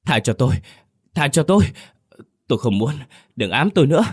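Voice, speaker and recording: A man's voice: medium pitch, expressive, fairly quick, pitched above the performer's own voice, natural voice. A man voicing a guilt-ridden, terrified man who pleads in panic.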